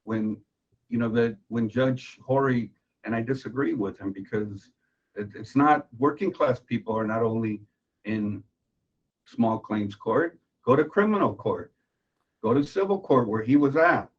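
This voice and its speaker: Man from Venezuela, judicial candidate, mid pitch, earnest and insistent, dull lo-fi audio. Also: measured pace. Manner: earnest, insistent, repeats himself as he argues. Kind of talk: interview answers. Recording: dull lo-fi recording.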